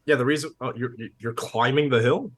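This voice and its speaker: A man narrating and making rulings as game master, in a relaxed, easygoing way. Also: medium pitch, a little fast, dry recording.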